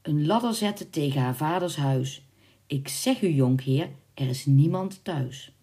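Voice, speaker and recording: A woman voicing a depraved, scheming male servant in a spoken storybook, talking in a hushed, conspiratorial way. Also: low voice, expressive, measured pace, breathy edge, heavily acted.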